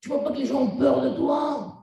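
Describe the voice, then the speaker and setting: Middle-aged rabbi from tunisia preaching, acts out little stories, big echoey room, mic far away. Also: male voice, very high-pitched, normal speed, creaky, lo-fi sound. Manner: animated storytelling, acting out dialogue. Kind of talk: sermon.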